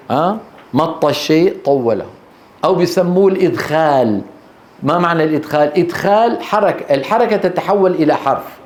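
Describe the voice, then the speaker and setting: A male Quran recitation teacher with a fairly high voice lectures in a room with a lot of echo. He quizzes his students with quick questions and answers them himself. He stretches each recited verse out slowly to demonstrate it. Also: a little mellow. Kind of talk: classroom lecture with recited examples. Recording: echoey room.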